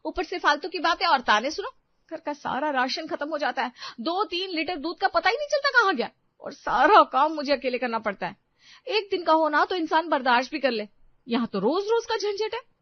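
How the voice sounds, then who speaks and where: A woman voicing a sharp-tongued young daughter-in-law who complains with indignation. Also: high voice, big pitch swings, moderate pace, no room sound. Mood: complaining. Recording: dry, slightly dull sound.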